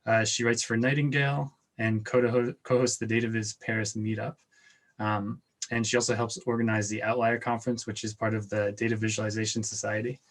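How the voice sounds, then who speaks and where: A man hosting an online meetup, introducing the next speaker with many hesitations. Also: medium pitch. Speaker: meetup host.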